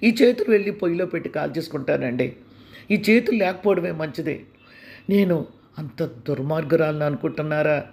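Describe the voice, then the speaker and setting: A man's voice: sits high, moderate pace, long pauses, a little mellow, voice pushed up. A man voicing a stepmother who protests and wails melodramatically in a storybook reading. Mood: wailing. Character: worried stepmother, defensive and wailing.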